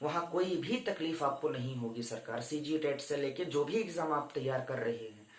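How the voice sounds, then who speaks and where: A man's voice: medium pitch, normal speed, roomy sound, far from the mic. A man teaching an exam-prep grammar lecture, addressing his students respectfully as he explains step by step. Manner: addresses students as "sarkar", counts down for screenshots.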